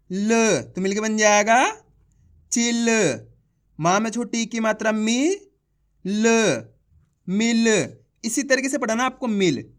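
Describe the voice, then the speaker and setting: A young man teaching reading in a slow online lesson, drilling sounds and asking learners to repeat after him. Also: extremely high pitch. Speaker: Hindi teacher.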